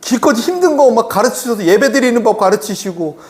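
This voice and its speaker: A male pastor preaching a sermon in a lively storytelling manner, acting out scenes from scripture. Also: very high-pitched, fairly quick.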